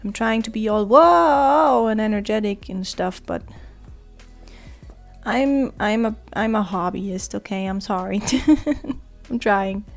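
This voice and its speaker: Hoarse, raspy woman with a cold, gravelly, chatting quietly over a drawing, faint music behind. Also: mid-range voice, slow. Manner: quiet, monotone, drifting into soft murmurs. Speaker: art vlogger. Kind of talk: casual talk while drawing.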